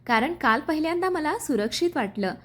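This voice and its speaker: A woman's voice: high voice, expressive, a little fast. A woman voicing a hurt, shy young wife in a storybook reading, speaking tearfully and hesitantly. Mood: shy, tender.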